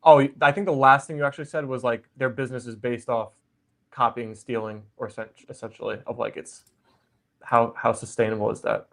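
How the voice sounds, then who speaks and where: Dude hosting a stream on a video call, mid voice, says like a lot. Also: male voice, mid-range voice, fairly even intonation, a little fast. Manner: loose, lots of "like" and "um". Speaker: livestream host. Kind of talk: casual livestream chat.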